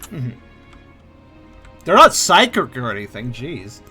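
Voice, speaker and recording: A man's voice: medium pitch, sing-song, takes it slowly, pushed and bright, faint music behind. A man chatting casually as a player in a tabletop role-playing game, describing what his character does.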